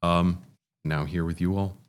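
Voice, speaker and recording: A man from Dubai, a chemical engineering professor, answering interview questions in a measured, explanatory way. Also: deep voice, fairly even intonation, slight background noise. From Dubai, Middle East. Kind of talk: conversational interview.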